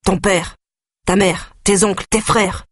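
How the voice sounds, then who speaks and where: A man putting on a brutal older brother from an audiobook, harsh and contemptuous, his husky voice pushed a little higher and louder. The sound is close and dry. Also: steady tone, slow pace, no room sound, heavily acted. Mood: menacing.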